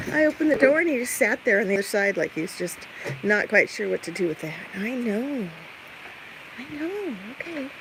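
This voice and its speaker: In a slightly high, sing-song voice at normal speed, a woman chats her way through farm chores on a casual livestream, talking to viewers and cooing questions at the animals around the barn and chicken coop. It's recorded noisily on a handheld phone or camera, with poultry clucking, a rooster and farm background sounds.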